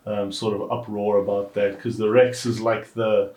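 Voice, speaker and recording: A man's voice: fairly low pitch, flat delivery, normal speed, a little mellow. A man co-hosting a podcast, chatting casually about a film and thinking aloud with hedges. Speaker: podcast co-host. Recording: echoey room.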